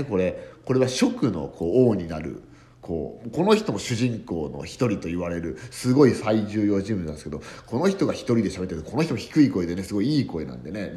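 On his casual solo podcast, a man who is a comedian and tanka poet tells a rambling story packed with fillers. His voice is lowish and mellow.

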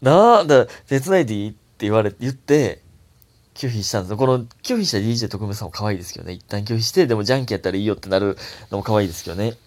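A young man with a Kansai accent, a comedian chatting solo on his own show, his throat a little hoarse and his voice jumping up high when he gets excited. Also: very fast. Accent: Kansai Japanese. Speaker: comedian podcast host. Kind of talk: casual solo talk.

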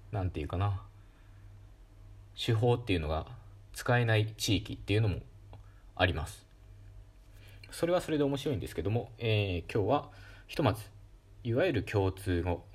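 Brief: low-pitched male host, calm lecture talk with lively pitch swings, lots of fillers. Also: husky. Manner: calm, explanatory, with frequent fillers. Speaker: podcast host. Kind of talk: solo educational talk.

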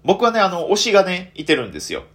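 A man with a Kansai accent, a comedian hosting a casual solo podcast, telling stories in an excitable, self-mocking way. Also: high voice, quick pace.

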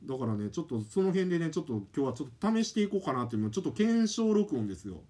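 Man, kansai accent, comedy talk, animated swoopy voice, slightly high. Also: very fast. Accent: Kansai Japanese. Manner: excitable, animated, playful. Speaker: comedy duo member hosting a talk show. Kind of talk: casual comedic chat.

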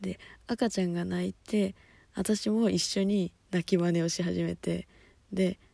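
A woman hosting a solo talk show, chatting casually, laughing often and dropping to soft murmurs. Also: on the low side, little pitch movement, a little slow, gravelly, no room sound. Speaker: podcast host. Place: at home at night.

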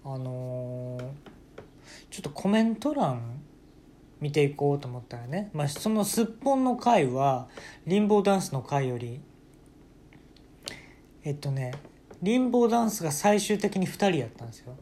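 A man hosting a casual solo podcast, telling a family story with playful jokes and quick self-corrections. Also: fairly high pitch, big pitch swings, mellow, a little hiss or hum. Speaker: podcast host.

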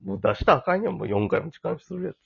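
A man with a Kansai Japanese accent chatting casually and comically as a podcast co-host, telling stories in blunt, colloquial, animated speech. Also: a little high, rapid-fire, gravelly, lo-fi sound.

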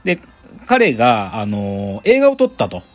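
A male radio host chats casually and rambles from one point to the next. His voice swings lively in pitch, and his speech is full of loose, colloquial filler words. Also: moderate pace.

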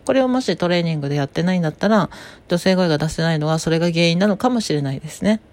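A woman hosting her own podcast as a voice trainer, giving advice in a calm, explanatory, conversational way. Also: lowish voice, rapid-fire, dry recording. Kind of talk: casual solo podcast talk.

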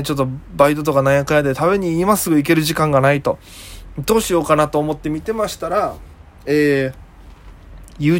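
A young male comedian talking on his own to his listeners in a loose, rambling, self-amused way. His voice sits a little high, and his words come out fast. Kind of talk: casual solo podcast monologue.

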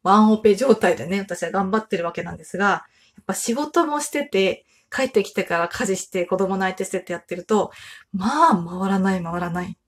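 A woman's voice: medium pitch, fairly quick, breathy edge. A woman in her thirties, a mother hosting her own podcast, chatting casually and animatedly with frequent laughs. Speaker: podcast host. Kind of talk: casual solo chat.

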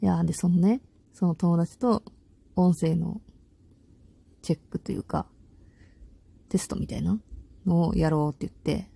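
Gravelly loud-voiced Kansai woman. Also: lowish voice, measured pace, long pauses, no room sound. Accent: Kansai Japanese. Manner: loud voice, by her own account; rambling, laughs often, slangy. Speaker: podcast host. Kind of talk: casual solo chat.

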